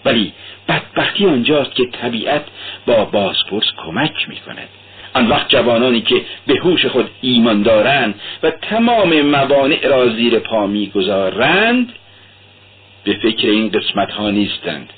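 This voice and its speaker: A man's voice: medium pitch, breathy edge. A man voicing a sly, talkative police investigator who lectures and then fusses anxiously. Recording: tinny lo-fi radio recording.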